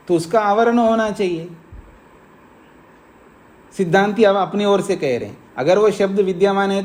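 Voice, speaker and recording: A man, a monk at an Indian ashram, lecturing students on Sanskrit philosophy, explaining each sutra line by line and repeating it. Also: sits high. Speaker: monk teaching Nyaya philosophy.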